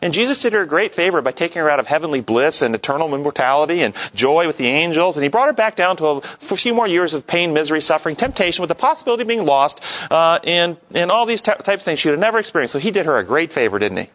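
A man's voice: a little high, sing-song, quick pace, few pauses, a bit bright. A man leading an interactive Bible lesson, talking conversationally and putting questions to his audience. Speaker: Bible study teacher.

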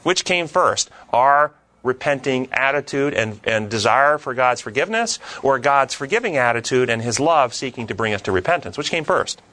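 A man's voice: medium pitch, expressive, normal speed, hardly any pauses, sharp tone. A man leading a Bible study discussion, quoting scripture earnestly and driving points home with rising, emphatic questions.

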